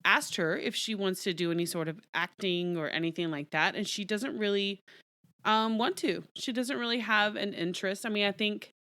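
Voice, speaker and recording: A woman's voice: medium pitch, moderate pace, pushed and bright, no echo. A middle-aged woman, a guest being interviewed, chatting candidly and often laughing. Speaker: guest, entertainment reporter. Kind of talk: casual interview chat.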